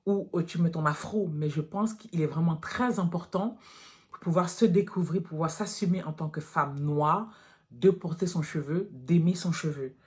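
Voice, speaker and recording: A woman's voice: low-pitched, moderate pace. A woman in her thirties from France, talking to her viewers in a casual vlog, frank and direct, calling them girls. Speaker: natural hair vlogger.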